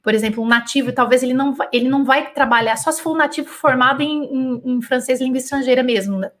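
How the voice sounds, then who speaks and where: A Brazilian woman with a Brazilian Portuguese accent teaches French in a chatty live online lesson, responding to comments and repeating sounds to show their rhythm. Her voice is high, fairly bright, and fast.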